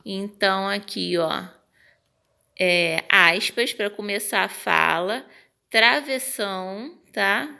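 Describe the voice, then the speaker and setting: Brazilian woman teacher with a gravelly voice. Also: mid-range voice, slow pace. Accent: Brazilian Portuguese. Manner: patient, explains step by step, checks in with "tá?"; acts out example phrases with lively intonation. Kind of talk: online grammar lesson.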